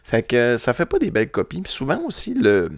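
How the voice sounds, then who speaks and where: A man's voice: medium pitch, huge pitch swings, fairly quick, vocal fry, no echo, clean studio sound. A middle-aged man with a Québécois French accent, hosting a podcast and chatting casually about vinyl records, with many fillers and restarts. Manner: rambling, frequent fillers and restarts. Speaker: podcast host.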